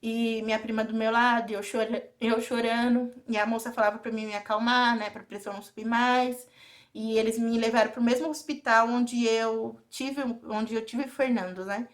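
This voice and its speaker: A young woman with a Brazilian Portuguese accent tells a personal story straight to her viewers in a confiding, intimate vlog. Her voice sits a little high, and she keeps pulling the audience in as she talks. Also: fairly even intonation, normal speed. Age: young adult. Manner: confiding, often addresses viewers directly. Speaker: vlogger.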